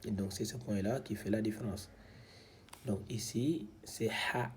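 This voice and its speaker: A man with a deep, mellow voice teaches a reading lesson at an unhurried pace. He patiently sounds out each syllable and repeats it, linking his steps with calm explanations. A faint background noise sits under the recording. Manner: patient, repeats syllables one by one, frequent "donc".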